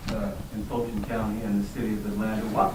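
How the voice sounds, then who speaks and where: A man reporter with a low voice asks a direct, pointed question from a distance. The room is echoey and there is clear background noise. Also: completely flat delivery, quick pace. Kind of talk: press conference question.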